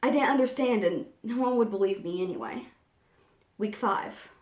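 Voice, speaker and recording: A woman's voice: mid-range voice, normal speed, darkish tone, natural voice. A woman performing a dramatic monologue as an anxious young woman, confessing in a confiding, conversational, theatrical way. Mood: uneasy, troubled. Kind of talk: dramatic first-person monologue reading. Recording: echoey room.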